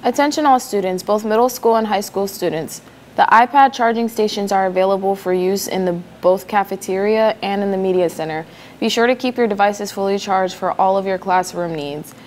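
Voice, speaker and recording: A woman's voice: medium pitch, a little fast. Teenage American girl anchor, faint background noise. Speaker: student news anchor. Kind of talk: scripted school announcements. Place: indoor school studio before a curtain.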